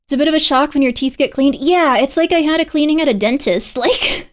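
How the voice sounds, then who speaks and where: A woman chatting casually on a livestream in a playful, cute anime-streamer manner, animated and repeating phrases for emphasis. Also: sits high, brisk. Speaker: VTuber livestreamer.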